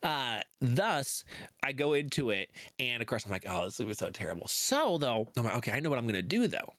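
A man co-hosts a relaxed podcast, spinning a long personal story with animated energy and acting out his own remarks as he goes. His voice sits at an everyday middle pitch. The sound is close and dry, with no room around it. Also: moderate pace, dry recording. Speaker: podcast co-host. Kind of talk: casual podcast chat.

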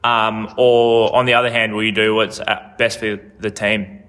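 A man's voice: fairly low pitch, level tone, normal speed, a bit bright, big-room sound. A man hosting a casual sports interview. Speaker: host interviewer.

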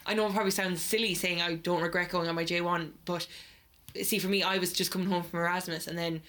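Lower-voiced young Irish woman, midlands accent. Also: steady tone, quick pace, fairly bright tone. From Ireland. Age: 20s. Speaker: podcast co-host. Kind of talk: casual banter between friends.

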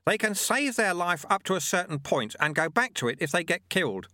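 Guy doing a chatty old monk, folksy, bit high, super dry sound. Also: big pitch swings, brisk, sharp tone, no echo, full character voice. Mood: wry. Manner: chatty, offhand lecturing. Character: old wry male monk, folksy and knowing.

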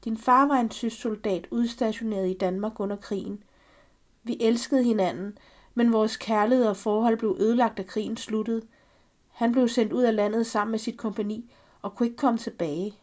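A woman reading the lines of a widowed older mother who gently and solemnly confesses a family secret. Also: fairly high pitch, fairly even intonation, natural voice. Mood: tender confessing. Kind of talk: reading a story aloud.

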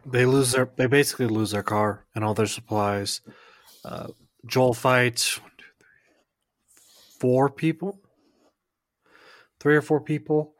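Brief: male co-host, mid-pitch, easygoing recap delivery, casual swearing. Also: takes it slowly, long pauses, dry recording, clean studio sound. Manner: recaps plot in plain steady summary. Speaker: podcast co-host. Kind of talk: casual chat.

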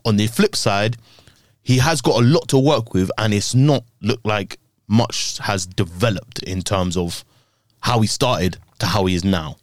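A man's voice: lowish voice, measured pace, no room sound, studio quality. A man with an urban London roadman accent hosting a casual, slangy football chat. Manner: slangy, conversational. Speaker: football podcast host.

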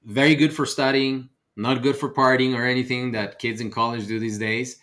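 A man's voice: mid-range voice, level tone, moderate pace, fairly bright tone. A middle-aged man from Ecuador, a native Spanish speaker, telling his personal story as a podcast guest. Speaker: podcast guest, real estate investor.

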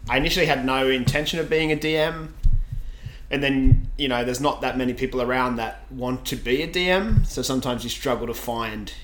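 A man's voice: mid-range voice, fairly quick, background noise. A man co-hosting a casual podcast chat, talking in a laid-back, rambling way and laughing easily. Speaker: podcast co-host.

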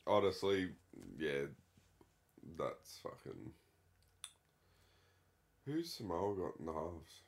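A man's voice: low-pitched, sing-song, slow pace, gravelly, long pauses. An Australian man co-hosting a podcast, chatting casually with a mate in a laid-back, blokey, sweary way. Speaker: podcast co-host. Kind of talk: casual banter between friends.

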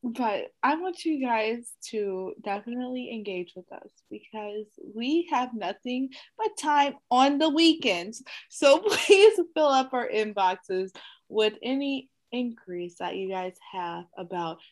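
A woman's voice: on the high side, expressive, unhurried. A tipsy young woman co-hosting a podcast, reacting chattily and signing off the show. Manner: chatty, laughing reactions and sign-off. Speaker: podcast co-host. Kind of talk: casual chat.

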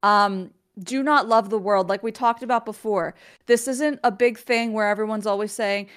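A woman's voice comes through a video call connection, earnest and candid as she chats on a faith livestream. Her pitch sits in a middle range, and she leans on casual fillers as she talks and reads verses. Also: normal speed, smooth. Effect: heard over a video call connection. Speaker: guest co-host on a faith livestream. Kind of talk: casual livestream chat and scripture reading.

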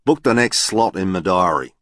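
A man's voice: low-pitched, lively intonation, moderate pace, fairly bright tone, no echo, clean studio sound. A man doing a charming, sociable professor. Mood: smooth. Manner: smooth and charming. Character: smooth sociable male professor.

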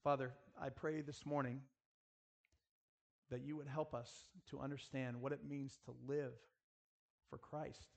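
With a mid-range voice marked by vocal fry and a slightly mellow quality, a man delivers an earnest school chapel sermon. He addresses and exhorts his listeners directly, using rhetorical questions and prayer.

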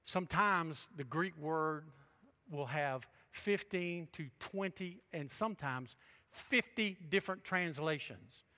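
A male pastor preaching a sermon, emphatic and shifting between loud and hushed delivery. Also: on the high side, takes it slowly.

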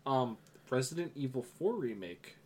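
A young man chatting casually on a podcast, rambling with frequent "um" and "yeah". He delivers his jokes deadpan at an everyday middle pitch. A light hiss runs under the recording. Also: moderate pace. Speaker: podcast co-host. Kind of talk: casual chat.

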